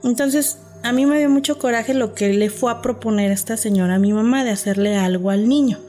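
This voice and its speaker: A woman's voice: fairly high pitch, brisk, faint music behind. A woman with a Mexican accent, animatedly telling a personal story as a podcast guest and acting out the people in it. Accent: Mexican Spanish. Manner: animated, acts out quoted voices. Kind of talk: casual storytelling.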